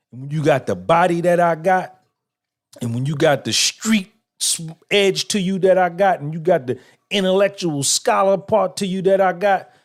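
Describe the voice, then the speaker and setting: A middle-aged man hosting a podcast, giving an emphatic, swaggering motivational monologue full of repetition and cursing. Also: fairly high pitch. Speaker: podcast host.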